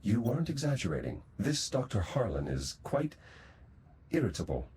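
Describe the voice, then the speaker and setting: Deep-voiced, earnest male space-crew helper. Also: very animated, normal speed, a crowd in the background. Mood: earnest, curious. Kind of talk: video game voice acting.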